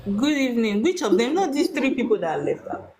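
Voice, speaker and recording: On a noisy, clicky livestream, a woman gives spiritual consultations to callers in a directive way. Her voice is a little high and darkish in tone, with a brisk, sing-song delivery.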